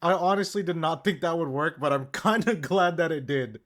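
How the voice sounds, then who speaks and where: Young man, casual, swears, comedic storytelling, slightly high voice, faint music behind. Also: moderate pace, a bit bright. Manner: casual, swears, talks straight to viewers. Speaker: YouTuber. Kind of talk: comedic gaming story commentary.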